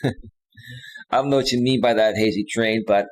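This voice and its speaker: In a low-quality recording, a man hosts an off-the-cuff livestream in a medium-pitched, steady voice at an unhurried pace. His monologue is casual and slangy, repeatedly and insistently speaking straight to viewers.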